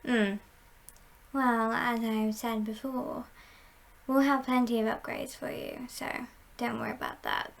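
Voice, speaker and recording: A woman playing a confident, scheming female heist boss in an ASMR role-play, speaking in a measured, playful and conspiratorial way with a creaky voice. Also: fairly high pitch, big pitch swings, heavily acted. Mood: conspiratorial, commanding.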